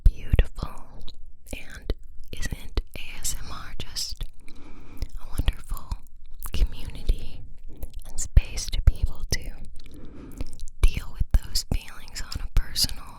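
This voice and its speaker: Slow, whispering young woman, ear-to-ear ASMR. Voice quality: soft breathy whisper with wet mouth sounds. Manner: gentle, reassuring, halting and rambling. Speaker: ASMR creator. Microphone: close binaural microphone.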